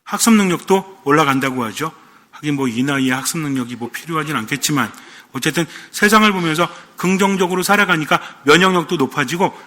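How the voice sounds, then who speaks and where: Bright-voiced priest in a reverberant hall. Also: male voice, fairly high pitch. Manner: asks the congregation questions, playful asides. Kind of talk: sermon.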